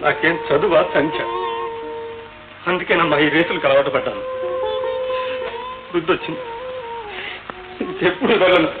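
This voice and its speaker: An actor playing a poor young man hooked on horse racing, pleading and excitable, in an old film soundtrack. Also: a little high, normal speed, long pauses, phone-quality sound, over music, lightly acted. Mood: remorseful.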